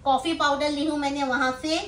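A middle-aged woman with a Mumbai accent sits on the floor of a small room, casually showing off her grocery haul for a vlog. She speaks a little fast in a high, level voice, explaining things and checking in with tag questions. Recorded on a phone that someone nearby holds, the clip has roomy echo and a faint background hum.

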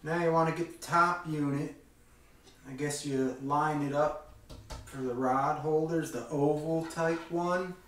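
A middle-aged hobby vlogger demonstrates a product in a small room at home, speaking in a folksy, plain-spoken, informal way as he works hands-on. His voice is on the high side, a bit bright, fairly even in intonation and a little slow. The camera sits a few metres off, so the sound is very echoey and distant, with faint noise.

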